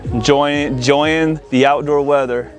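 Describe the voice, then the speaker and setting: An audio-video installer presents products for his company's channel, speaking casually to viewers in an outdoor backyard showcase. His voice sits on the high side, with fairly even intonation and a slightly slow pace. Music plays in the background.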